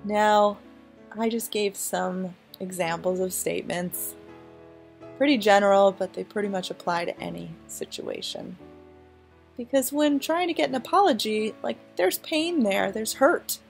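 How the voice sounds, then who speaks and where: A woman podcast host leading a calm, soothing guided visualization. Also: mid-range voice, unhurried, vocal fry, soft background music. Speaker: podcast host and life coach.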